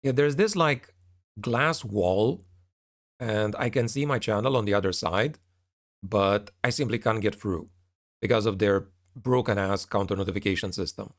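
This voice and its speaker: A man's voice: fairly low pitch, normal speed. A man speaking casually to his viewers as a channel creator, in a hesitant, rambling, somewhat frustrated way. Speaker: YouTube narrator and channel creator. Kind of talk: casual spoken update to viewers.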